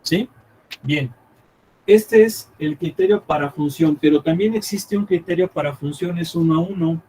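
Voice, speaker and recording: A man teaching a math class live, thinking aloud as he draws on the board and checking often with quick questions whether the students follow. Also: on the high side, warm tone, husky, low-quality recording.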